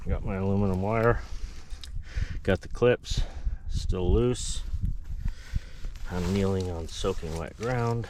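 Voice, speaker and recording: A man's voice: low voice, slow, pauses often, noisy background. A man narrating casually to camera while building a fence, muttering and grumbling as he works and short of breath. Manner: muttering to himself, grumbling asides. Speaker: farm vlogger. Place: muddy outdoor pasture.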